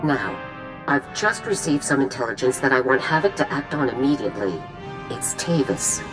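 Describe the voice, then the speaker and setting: A woman playing a stern, commanding military general in a video game, with a brisk, authoritative manner. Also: extremely low pitch, big pitch swings. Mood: urgent, commanding. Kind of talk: video game cutscene acting. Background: music.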